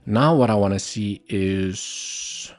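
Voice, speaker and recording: Fairly low-pitched and slow, a South African man whose first language is Afrikaans hosts a live trading stream. He thinks aloud over the charts with muttered asides, offering live market analysis commentary.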